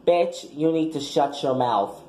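A man's voice: on the high side, lively intonation, unhurried, a little mellow, a little hiss or hum. A man doing a brash foul-mouthed young woman. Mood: sassy. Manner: crude, combative, trash-talking. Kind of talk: comic speech skit. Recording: echoey room.

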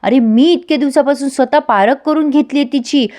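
A woman's voice: sits high, brisk, warm tone, voice pushed up, lightly acted. A woman voicing a young man in love who firmly defends his partner to his friend. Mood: defensive firm.

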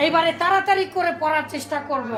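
A woman's voice: very high voice, roomy sound, poor audio. A woman teaching a class, chanting syllables in a sing-song rhythm and urging the students to repeat. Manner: sing-song recitation, then quick coaxing instructions.

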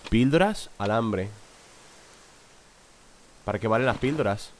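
A man narrates his own horror gameplay in a lowish voice. He reads out what he finds, gets spooked by noises and swears casually. A faint noise floor hums under the recording. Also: brisk. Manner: jumpy, swears, reads game text aloud. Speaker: gaming video host. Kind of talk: let's play commentary.

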